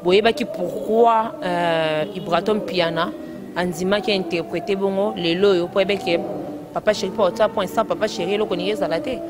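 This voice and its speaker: A woman's voice: lowish voice, fairly even intonation, moderate pace. Congolese woman chatting over music. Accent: Congolese French. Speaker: fan discussing rumba music. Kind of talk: casual chat mixing French and Lingala. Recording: loud music playing behind.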